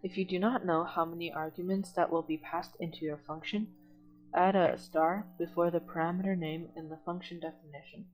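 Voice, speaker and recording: A tutor leads an online coding lesson, reading documentation aloud and then restating it in plain words. The voice sits in a middle register and moves at a patient, step-by-step pace. Faint music plays softly underneath. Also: mid-range voice, low-quality recording.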